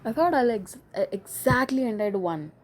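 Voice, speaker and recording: A woman's voice: fairly high pitch, animated, measured pace, darkish tone, slight background noise. Giggly young Indian woman podcasting. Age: young adult. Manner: chatty, mixes Hindi and English, joking, giggly. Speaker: podcast host. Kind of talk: casual solo podcast chat.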